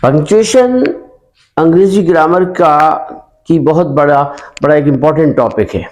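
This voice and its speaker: A middle-aged man teaching an English grammar lesson, unwell and coughing, explaining slowly with pauses and fillers. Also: a little high, darkish tone.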